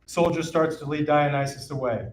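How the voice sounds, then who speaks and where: A man's voice: on the high side, moderate pace, slight background noise. A man reading stage directions aloud in a plain, matter-of-fact way during a play reading. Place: theater stage. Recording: roomy echo.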